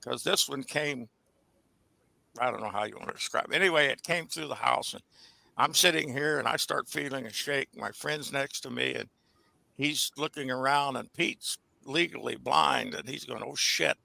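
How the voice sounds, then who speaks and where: Very gravelly older American man. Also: medium pitch, moderate pace, bright, forceful tone, dry recording. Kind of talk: casual chat and storytelling. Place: indoor room on a video call.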